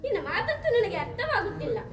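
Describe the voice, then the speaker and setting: A young woman on stage voicing a stern, disgraced king who guards a cremation ground, speaking in lowered, measured commands. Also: very animated, a little hiss or hum. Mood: scornful. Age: late teens. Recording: echoey hall.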